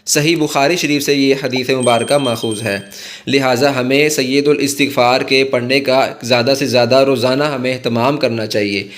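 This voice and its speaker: A man's voice: medium pitch, fairly even intonation. Earnest man teaching a prayer. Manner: slow, careful recitation of Arabic supplication; earnest, instructive address to viewers. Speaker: religious teacher. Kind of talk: scripted religious explainer.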